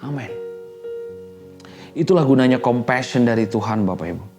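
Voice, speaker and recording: A man's voice: medium pitch, animated, normal speed, a little mellow, soft background music. A man with an Indonesian accent preaching a fervent sermon as a pastor, slipping English words into his talk. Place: church hall.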